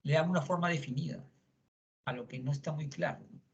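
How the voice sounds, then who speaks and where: Male lecturer, middle-aged, fairly high voice, chatty with tag questions, dull lo-fi classroom recording. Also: brisk, creaky. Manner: conversational, frequent tag questions. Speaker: psychology lecturer.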